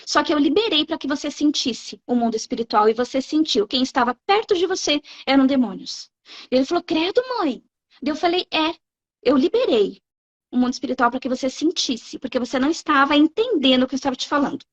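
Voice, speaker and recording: Brazilian woman in her 40s-ish going off bluntly, high voice, kinda dull lo-fi stream sound. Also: fast talker. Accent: Brazilian Portuguese. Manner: animated, blunt, frequent "né?" tags. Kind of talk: emphatic preaching-style talk. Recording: dull lo-fi live stream audio.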